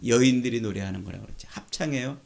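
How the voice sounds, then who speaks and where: A man's voice: medium pitch, racing, vocal fry, darkish tone. A male pastor preaching a sermon, emphatic, asking the congregation rhetorical questions and leading them in reading scripture aloud.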